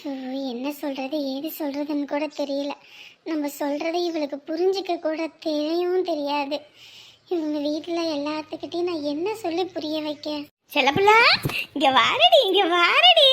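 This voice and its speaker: An actress playing a village grandmother, coaxing and gently scolding a child. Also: sits high, moderate pace. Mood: soothing. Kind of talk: village family drama.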